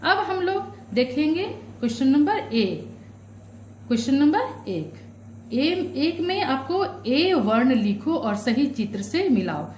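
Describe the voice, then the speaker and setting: A woman's voice: fairly high pitch, reverberant, slight background noise. A woman teaching young children from a workbook, patient, asking questions and answering them herself. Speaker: primary school teacher.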